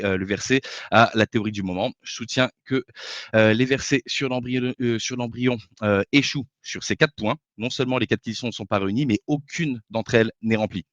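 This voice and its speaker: A man with a fairly low, fairly bright voice delivers a formal debate opening statement, setting out his points methodically yet hesitating often with fillers. The dry recording sounds dull and lo-fi, like a voice chat mic.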